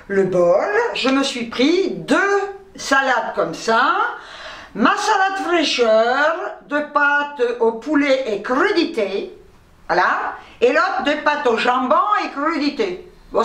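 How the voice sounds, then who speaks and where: A woman's voice: a little high, fairly bright tone, far from the mic. A woman chatting bluntly through her grocery haul, swearing freely and laughing at herself. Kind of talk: casual grocery haul chat. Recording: roomy echo, speaking from away from the mic.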